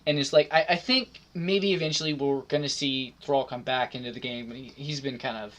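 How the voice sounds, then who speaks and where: A man co-hosting a casual gaming podcast, talking loosely with lots of filler words and frequent throat clearing. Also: mid-range voice, steady tone, moderate pace, fairly bright tone. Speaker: podcast co-host.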